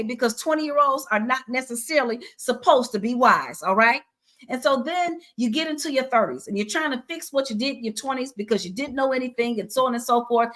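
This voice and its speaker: A woman's voice: high-pitched, fairly bright tone. A middle-aged woman who teaches personal finance, running a webinar and answering questions with an encouraging, preacher-like cadence and lots of repetition. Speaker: financial educator.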